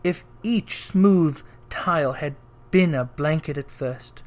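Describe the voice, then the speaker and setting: Reading a classic tale as an audiobook narrator, a speaker with a mid-range voice delivers it in a theatrical, expressive style, stretching out phrases deliberately for emphasis.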